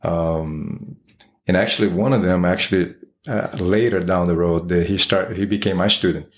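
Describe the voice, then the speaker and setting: A man's voice: deep voice, steady tone, normal speed. A Brazilian man in his forties with a Brazilian Portuguese accent, speaking as an interview guest, with many fillers and restarts. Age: 40s. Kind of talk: casual interview.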